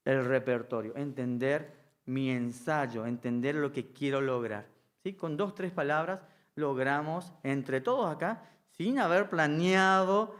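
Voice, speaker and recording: Man teaching, slightly high voice. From Argentina. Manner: keeps checking understanding with a quick "¿sí?". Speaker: music director teaching a course. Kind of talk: live classroom lecture.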